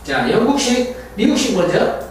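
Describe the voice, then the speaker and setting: A man teaching English phrases, repeating them slowly and deliberately. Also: very high voice, sing-song. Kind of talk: language lesson explanation. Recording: roomy, distant mic, faint hiss.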